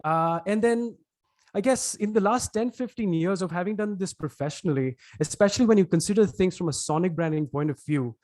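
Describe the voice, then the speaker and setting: A man's voice: high voice, fairly quick, a little mellow, no echo. Indian man, thoughtful, dry close sound. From India, Mumbai. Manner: thoughtful, elaborate, frequent "uh" and restarts. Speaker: podcast producer, guest. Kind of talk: webinar interview.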